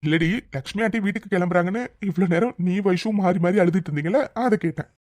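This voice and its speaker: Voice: medium pitch, darkish tone, dry recording, studio quality, natural voice. A voice actor doing a teasing cartoon husband. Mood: affectionate. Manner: affectionate teasing, quick. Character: caring young husband, playful.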